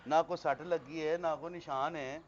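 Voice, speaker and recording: A man plays an eager villager quick to suspect enemies. His voice is slightly high. The recording is dull and lo-fi with faint noise behind it. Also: fairly even intonation, natural voice. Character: eager village helper, suspicious and talkative. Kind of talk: comedy sketch acting.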